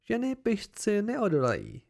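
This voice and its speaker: A boisterous traveling piper, put on by a man in an audiobook. The voice is pitched noticeably higher than the reader's own, gravelly and full of swings. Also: huge pitch swings, darkish tone, exaggerated voice. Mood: amused. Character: jovial male traveling piper.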